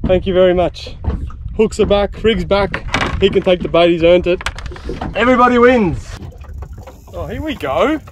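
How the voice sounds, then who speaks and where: A young Australian fishing vlogger gives casual, laid-back, matey commentary full of colloquialisms from a small open boat at sea. His high-pitched voice moves at a moderate pace with long pauses. The outdoor recording on open water is noisy.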